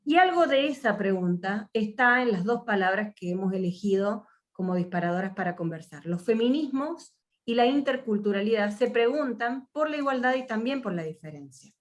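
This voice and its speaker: A woman's voice: mid-range voice, expressive, normal speed, dull audio. An Argentine woman from Mendoza leading an online workshop over a video call, speaking reflectively with frequent fillers and restarts. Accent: Argentine Spanish. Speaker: workshop facilitator.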